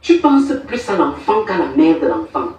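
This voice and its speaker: A woman playing a calm, firm mother who lectures and soothes. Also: low-pitched, moderate pace. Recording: echoey room, far off, faint music.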